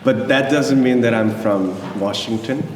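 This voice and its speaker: A South Korean guest lecturer in his thirties, a native Korean speaker, presents in English to an audience in a lecture hall, often hesitating and restarting sentences while staying friendly with the crowd. His voice is mid-range and unhurried, picked up from far off in an echoey hall with a noisy background.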